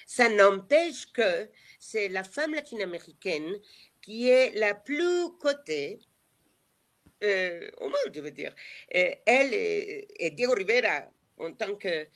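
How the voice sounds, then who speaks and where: Mexican lady guiding a virtual tour over a video call, lots of euh and restarts, chatty, spanish is her first language. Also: medium pitch. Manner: chatty, hesitant, many fillers and restarts. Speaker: tour guide. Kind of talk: live virtual tour commentary.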